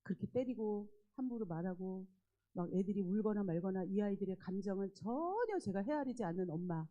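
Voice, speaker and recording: A middle-aged woman, a gospel singer, giving a church testimony with animated storytelling, acting out her own dialogue with exclamations. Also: mid-range voice, brisk, dull audio. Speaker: guest speaker, gospel singer. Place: church sanctuary.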